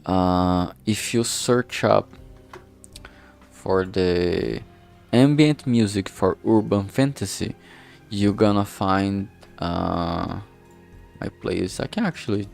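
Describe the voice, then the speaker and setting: A low, gravelly man, slightly mellow, rambles through casual livestream chat, halting and often losing his thread. He's a streamer and amateur game writer, heard through a filtered streaming microphone with background music playing.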